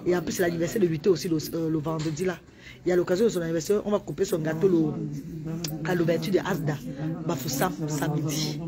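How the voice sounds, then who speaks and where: A woman's voice: low voice, fairly even intonation, fairly quick, a crowd in the background. A woman chatting live to viewers, reading out greetings and answering questions insistently. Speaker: live streamer. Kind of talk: casual live-stream chat.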